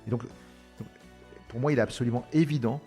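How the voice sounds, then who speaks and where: A man's voice: mid-range voice, a little fast, dark tone, faint music behind. A man born in Iran and raised in France, a startup founder answering interview questions in a hesitant way, with many fillers and restarts. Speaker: startup founder, podcast guest.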